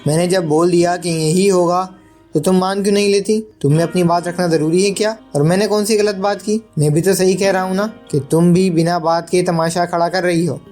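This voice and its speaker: A woman's voice: fairly low pitch, fairly even intonation, a little fast, warm tone, soft background music, close to an everyday voice. A woman voicing an exasperated young husband. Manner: exasperated arguing. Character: harried young husband, defensive and overworked. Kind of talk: animated story dubbing.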